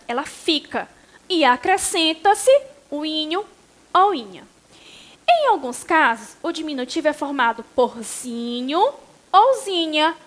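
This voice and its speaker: A Brazilian woman teaching a primary school writing and spelling class, sounding out syllables slowly and encouraging the pupils. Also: high voice, a bit bright. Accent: Brazilian Portuguese. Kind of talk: recorded online class.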